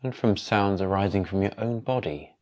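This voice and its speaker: A man guides a yoga nidra meditation in a lowish voice, calm and unhurried, with long pauses between instructions.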